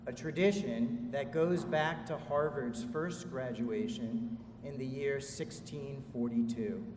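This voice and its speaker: A man's voice of middling pitch rings through a very echoey hall, heard a little way from the microphone. He gives a formal commencement address, solemn and measured, setting out each phrase deliberately. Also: a little mellow. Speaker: ceremony speaker introducing an orator. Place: large indoor hall at a school commencement. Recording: echoey hall, distant mic, faint noise.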